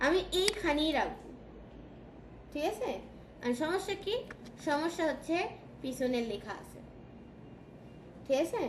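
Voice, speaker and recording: A woman with a Bangladeshi Bengali accent teaching a design software class, checking in often with her students. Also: sits high, big pitch swings, a little slow, long pauses. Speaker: design tutor. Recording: echoey room with background noise.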